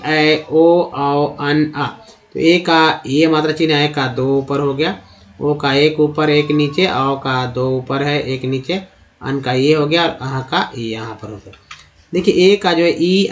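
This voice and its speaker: A man's voice: on the high side, lo-fi sound. A man teaching English reading and vowel sounds, addressing viewers as friends and asking and answering his own questions. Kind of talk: explanatory lesson.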